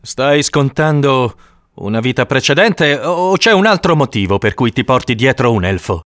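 A man's voice: mid-range voice, animated, moderate pace, fairly bright tone, no room sound, clean studio sound, pitched above the performer's own voice, lightly acted. A man doing a blunt, exasperated hunter. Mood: sarcastic. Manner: blunt, practical. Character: gruff adult male hunter, exasperated.

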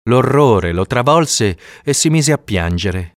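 A man narrating an audiobook in an expressive storytelling manner. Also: medium pitch, slow, no room sound, studio quality.

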